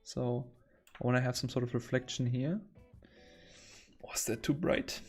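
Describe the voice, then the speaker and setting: A chatty man in a relaxed livestream, talking loosely while he works on a drawing. His pitch sits in an ordinary middle range, and he rambles and is quick to find things funny. Soft music plays faintly behind him. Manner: chatty, rambling, easily amused. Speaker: artist streaming while drawing. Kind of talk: casual livestream chat. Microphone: headset.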